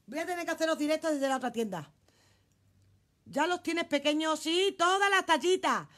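A middle-aged woman from Spain, with a Spanish accent, sells clothes on a casual live stream from her shop. Her voice is high-pitched and sharp, and she chats exclamatorily, reads out viewer comments and swears casually.

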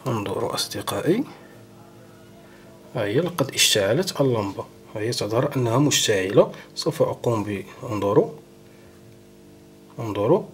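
A man hosting an electronics tutorial, explaining a hands-on demonstration step by step and often pausing with fillers. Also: on the low side, lively intonation, soft background music. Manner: explanatory, keeps saying "look" to viewers, frequent hesitations.

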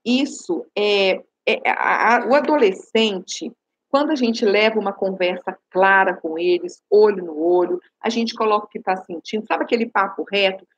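A woman's voice: mid-range voice, moderate pace, low-quality recording. A woman with a Brazilian Portuguese accent gives parenting advice on a live stream, talks straight to viewers and often asks "né?" or "sabe?". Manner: reads out viewer comments and answers them.

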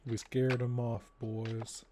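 A man's voice: mid-range voice, level tone, slow. A man playing a video game, bantering casually in a joking, mock-philosophical way. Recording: gunfire noise behind voice chat. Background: game gunfire.

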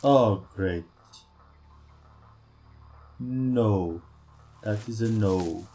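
A man's voice: lowish voice, extremely slow, dark tone, slight background noise. A man giving casual gameplay commentary, muttering short reactions as he plays. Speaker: let's play gamer.

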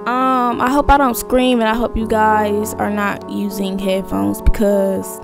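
Slow, gravelly young woman gamer. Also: mid-range voice, level tone. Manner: chatty, slangy, nervous and jumpy. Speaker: gaming YouTuber. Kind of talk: casual let's-play chat to viewers. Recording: music playing behind the voice.

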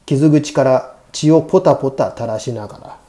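Male narrator for horror audiobook: hushed, eerie, deliberate, mid-pitched with a very dark, soft-edged tone. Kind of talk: scripted ghost story narration.

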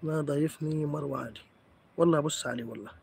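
A man's voice: a little high, very fast, gravelly, darkish tone, slightly rough. A man with an Egyptian accent hosting a live stream, chatting playfully with viewers and teasing them as he answers comments. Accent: Egyptian Arabic.

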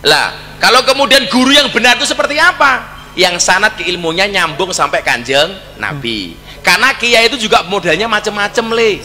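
A man's voice: high voice, moderate pace, bright, forceful tone, long reverb tail. A middle-aged man with a Javanese accent giving a humorous religious talk, joking and teasing with Javanese asides. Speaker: preacher.

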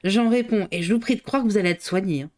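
A woman voicing a humble, eager male museum guard who shouts with loud, drawn-out exclamations. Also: mid-range voice, natural voice. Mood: excited.

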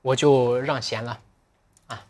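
Livestream host, male, mid-pitched, musing and wry, unhurried talk over faint background hiss. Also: fairly even intonation, darkish tone. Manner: reflective, joking, drifts into slow careful English. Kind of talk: casual livestream chat.

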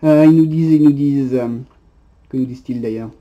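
A man giving a casual unboxing narration in an unhurried, chatty way, often pausing on little "hop" sounds and hesitations. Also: mid-range voice, dull audio. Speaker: unboxing presenter.

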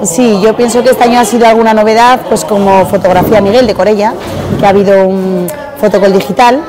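A woman's voice: medium pitch, steady tone, fairly quick, noisy background. A woman in her forties, the organizer of a fair, answering interview questions hesitantly with many fillers in a busy hotel hall. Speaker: event organizer. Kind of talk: on-camera interview. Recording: crowd chatter behind.

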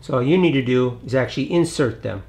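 A man's voice: medium pitch, fast talker, soft background music. Easygoing man walking through a repair. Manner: relaxed, plainspoken, thinks aloud while working. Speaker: DIY auto repair channel host. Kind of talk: hands-on repair tutorial.

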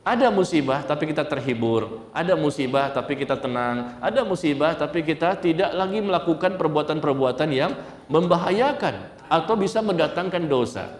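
A male Islamic preacher, giving a lively sermon to a congregation in a mosque, telling stories and joking with the listeners. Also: moderate pace. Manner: animated storytelling, jokes with the audience, sudden high exclamations. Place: mosque hall. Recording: echoey hall from far off.

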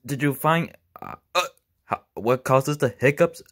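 A man voicing an excitable male cartoon bird in a plush puppet skit, eager and stumbling. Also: mid-range voice, unhurried. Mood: asking.

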